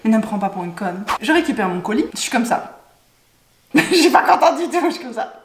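Animated, exasperated woman telling a story. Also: fairly high pitch, a little fast. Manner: animated, exasperated, laughs often, talks straight to viewers. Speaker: YouTuber telling a personal story. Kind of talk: casual storytime vlog. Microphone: Rode microphone. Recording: roomy echo.

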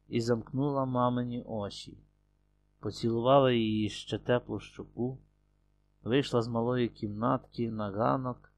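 A man narrating an audiobook with expressive, unhurried storytelling. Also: medium pitch, no echo. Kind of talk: scripted narration.

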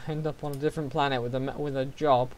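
Brief: easygoing gamer cracking jokes over a mic, middle pitch. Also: fairly even intonation, a little fast, darkish tone, slight background noise. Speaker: gaming co-host. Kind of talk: casual gaming chat.

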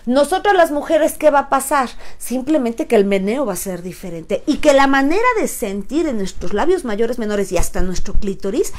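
A middle-aged woman with a Mexican accent, hosting a frank, playful live talk as a sexuality educator. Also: fairly high pitch. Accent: Mexican Spanish. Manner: animated, playful, frank and chatty.

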